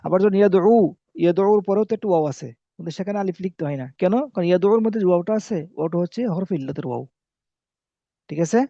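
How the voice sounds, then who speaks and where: A man's voice: high-pitched, fast, creaky, no room sound. A man teaching Arabic spelling rules in a classroom-style lesson, repeating key points and asking and answering his own questions. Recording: dull lo-fi recording.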